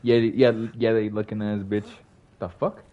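A man's voice: on the low side, level tone, normal speed, narrow, tinny audio. A young man streaming a horror game, reacting with panicked, swearing outbursts and running commentary. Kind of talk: live gameplay commentary.

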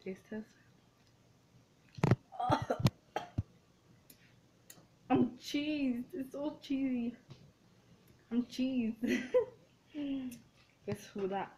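A young woman from a Mexican family chatting casually while cooking, full of "like" and "dude" and quick to say "ew". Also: high voice, noisy background. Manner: chatty and easily grossed out, lots of "like" and "dude". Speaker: vlogger. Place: dim home kitchen.

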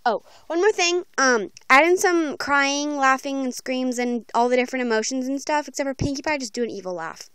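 In a bedroom at home, a young woman records a rambling, slangy vlog on a handheld phone held close, announcing voice auditions to her viewers. Her high voice moves fairly quickly with few pauses, and her tone is fairly bright, clear and resonant with no echo.

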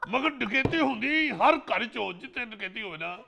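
A man's voice: very high-pitched, animated, normal speed, gravelly, background noise, heavily acted. A man with a Punjabi accent playing a blustering police officer who mocks a robbery victim in a comedy sketch. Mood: mocking. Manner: mocking, bantering with laughs. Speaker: comic actor.

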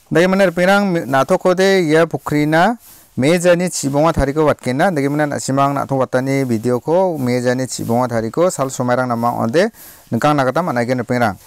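A man's voice: on the high side, smooth. A man with a Garo accent narrating a casual walking tour outdoors, rambling and repeating himself as he talks straight to his viewers. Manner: rambling, repetitive, addresses viewers directly. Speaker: vlogger. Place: outdoors by a village pond.

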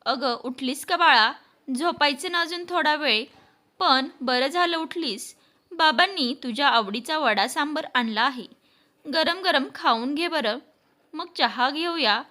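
A woman's voice: high voice, expressive, a little slow, pushed and bright, full character voice. A woman voicing a kind older mother-in-law who scolds and dotes at once. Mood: doting. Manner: scolding yet doting.

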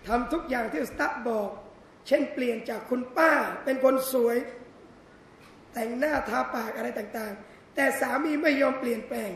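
A man giving a lively, joking Islamic lecture to an audience in a hall. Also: extremely high pitch, normal speed, creaky, slight background noise. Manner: animated, joking, addresses audience as brothers and sisters. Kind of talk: lively religious lecture on marriage. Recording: echoey hall with faint ambience.

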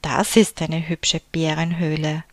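A woman voicing a big, caring grown bear in a storybook, calling out loudly and indulgently. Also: deep voice, little pitch movement, measured pace, no room sound. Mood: gentle. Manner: loud calling, warmly indulgent.

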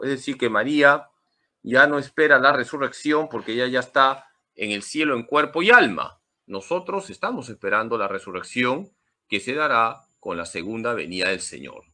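Lively bright-voiced priest. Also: male voice, mid-range voice. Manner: emphatic, lively teaching with humor. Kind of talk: Marian catechesis talk.

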